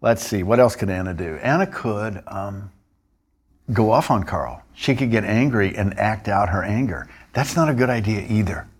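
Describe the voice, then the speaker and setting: A male instructor narrating a training lesson in a measured, explanatory way. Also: on the low side, expressive, breathy edge. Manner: measured, explanatory, with occasional restarts.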